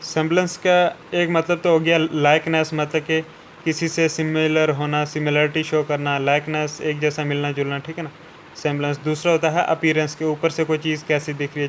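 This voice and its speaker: A man with a fairly high, flat, even voice talks through word meanings as a vocabulary teacher. He often checks in with a quick "theek hai na" and slows down when he reads out the English definitions. A faint hum of air conditioning runs underneath. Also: rough recording. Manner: repeats "ठीक है ना" after each point, slows down for English definitions. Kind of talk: explaining word meanings in Hindi.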